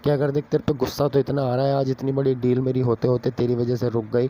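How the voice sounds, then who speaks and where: A man's voice: medium pitch, flat delivery, fast, dull audio, a little hiss or hum, lightly acted. A man voicing a furious male boss who scolds his employee and raises his voice. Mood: scolding. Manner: shouting, scolding.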